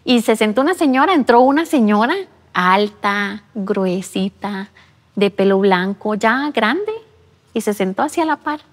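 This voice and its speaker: A woman's voice: medium pitch, expressive, unhurried. A woman, telling her personal faith testimony earnestly in an interview at a church. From Costa Rica. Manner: earnest storytelling, re-enacting her own past words. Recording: long reverb of a large room.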